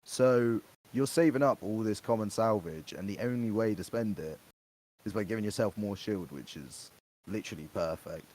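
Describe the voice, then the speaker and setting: Man, lowish voice, casual gamer chat, explains step by step, trails off. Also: normal speed, a little mellow, a little hiss or hum, rough recording. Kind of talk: casual gaming podcast chat.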